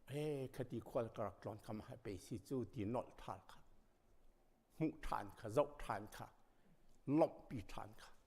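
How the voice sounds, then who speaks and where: A man preaching a sermon as pastor, speaking emphatically and rising to loud passages. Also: medium pitch, unhurried, gravelly, husky. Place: church sanctuary. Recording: long reverb of a church hall.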